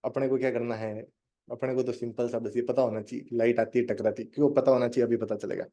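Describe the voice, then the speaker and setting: A man's voice: mid-range voice, little pitch movement, quick pace, mellow. A young man teaching a live online drawing lesson, chatting with his students and joking as he guides them step by step. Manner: chatty, addresses students directly and jokes.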